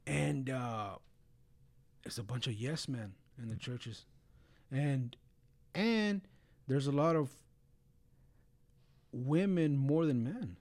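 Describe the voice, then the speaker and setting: A man's voice: mid-range voice, slow, pauses often, a little mellow. A man talking casually and earnestly about religion in a blunt way, often peppering his speech with slang and filler phrases. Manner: blunt, earnest, frequent "bro" and "you know".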